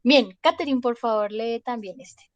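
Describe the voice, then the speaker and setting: Slow, patient woman teacher. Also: fairly high pitch, no echo, highs cut off. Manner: slow, repeats "¿listo?" to check understanding. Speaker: English teacher. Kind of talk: online class explanation.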